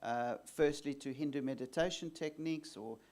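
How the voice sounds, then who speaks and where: A man's voice: medium pitch, normal speed, a little mellow. A man hosting an onstage interview, asking leading questions and backing the guest with frequent murmurs. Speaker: host, exorcist.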